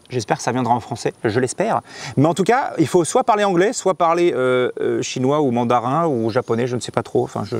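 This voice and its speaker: A man's voice: medium pitch, no room sound. A man giving a casual, chatty camera demo straight to his viewers, full of slang. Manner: lively, chatty, addresses viewers directly with slang. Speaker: motorcycle vlogger reviewing a camera. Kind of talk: casual product demo vlog.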